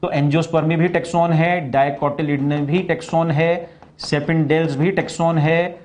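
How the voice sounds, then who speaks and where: A man with an Indian accent lecturing on biology, switching between Hindi and slow, deliberate English for key terms. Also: fairly high pitch, a little mellow, a little hiss or hum. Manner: explains in Hindi, then slowly restates key points in English. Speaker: biology teacher. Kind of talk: recorded classroom lecture.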